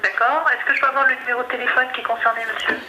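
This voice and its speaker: A woman's voice: a little high, little pitch movement, very fast, roomy sound, very noisy. A woman working as a customer service adviser, speaking into a call-centre headset and heard over a phone line. She stays polite and formal, with many fillers.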